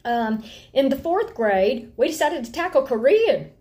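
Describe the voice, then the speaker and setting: A middle-aged woman with an Appalachian accent, chatting casually to camera in a folksy, animated, expressive way. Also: sits high, unhurried. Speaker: homeschooling parent and vlog host. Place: indoor room at home.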